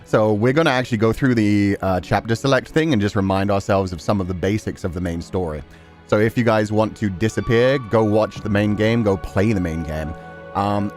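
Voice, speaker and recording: Music plays behind a man hosting a game livestream, his fairly low voice slightly mellow. He chats with viewers in a casual, enthusiastic, rambling way.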